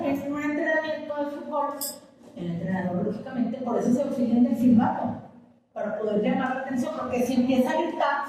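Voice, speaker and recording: Woman teacher lecturing her class patiently; high pitch, far off in a long-reverb classroom with faint room noise. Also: darkish tone. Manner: explains patiently with everyday examples and questions to students. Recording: echoey classroom from a distant mic with faint ambience.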